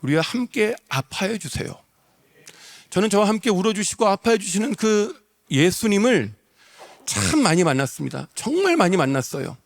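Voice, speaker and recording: A man's voice: high voice, big pitch swings, normal speed. A male pastor preaching an emotional sermon, repeating phrases for emphasis, in a large church sanctuary. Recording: long reverb of a church hall.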